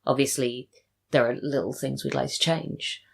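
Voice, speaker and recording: An English woman, an audio drama writer and voice actor, chats casually as a podcast guest. Her voice is rumbling and low, creaky and slightly rough, with a steady tone at a moderate pace.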